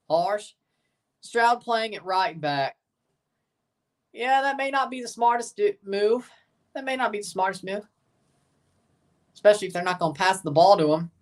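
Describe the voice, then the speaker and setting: Hosting a livestream watchalong, a woman gives casual live football commentary and chats with her viewers. Her pitch is medium, and she often repeats and corrects herself.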